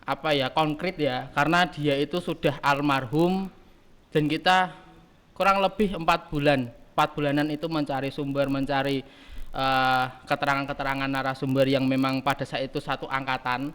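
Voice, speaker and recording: A man in his early twenties, a student leader answering podcast questions in a halting way, often pausing to search for words. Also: mid-range voice, level tone, fairly bright tone, clean tone. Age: early 20s. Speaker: guest, student council chairman. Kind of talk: casual podcast interview.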